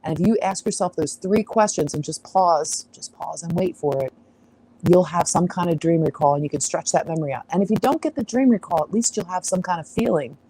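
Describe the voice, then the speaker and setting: A woman's voice: fairly low pitch, expressive, a little fast, warm tone, breathy edge, rough recording. A woman hosting an astrology livestream, chatting casually on a farm, rambling and sidetracking with frequent laughs. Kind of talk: casual live-stream chat. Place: outdoors on a farm.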